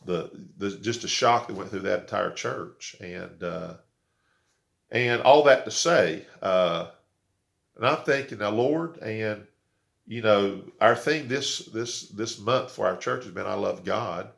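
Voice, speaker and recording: A man pastor telling a story in a halting devotional talk, with many fillers and repeated words. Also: fairly low pitch, a bit bright. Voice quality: gravelly.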